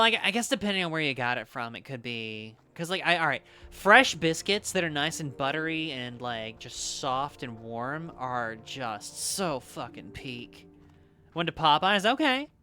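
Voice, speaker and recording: A woman's voice: sits low, big pitch swings, moderate pace, bright, forceful tone, smooth, soft background music. A woman streamer with a slight Southern US accent, rambling and swearing freely as she chats with her viewers while gaming live. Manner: rambling, swears freely, laughs easily, talks to chat.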